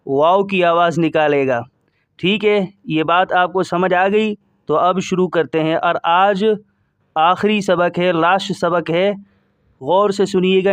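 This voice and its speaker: High, clear-voiced man teaching recitation. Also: dry recording. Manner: drills each sound slowly, then explains quickly. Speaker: Quran reading teacher. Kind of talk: recitation lesson.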